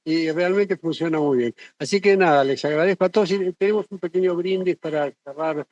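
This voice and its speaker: A man's voice: on the high side, a little fast, a little mellow, no room sound, dull audio. A middle-aged man, an institute director giving casual closing remarks at a symposium, hesitant with many fillers and restarts.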